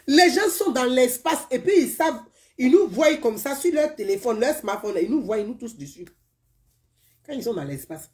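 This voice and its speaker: A woman from Côte d'Ivoire with an Ivorian French accent, talking to viewers in a casual live-stream monologue, emphatic and repetitive, her sentences often trailing off softly. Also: fairly high pitch, big pitch swings, normal speed. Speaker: live-stream political commentator.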